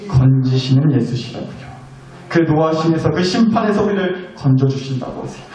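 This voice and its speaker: Animated pastor preaching in an echoey church. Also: male voice, on the high side, moderate pace. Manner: conversational preaching with rhetorical questions; acts out voices of people in his stories. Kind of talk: Sunday sermon. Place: church sanctuary. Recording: very echoey church hall, mic at a distance.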